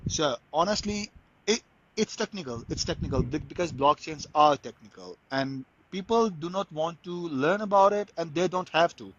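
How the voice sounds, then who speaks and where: A man from Pakistan, a crypto marketer appearing as a guest in a casual interview, speaks at normal speed in a fairly high, lively voice. He's enthusiastic, often restarting and stumbling over his words, and the audio has its highs cut off.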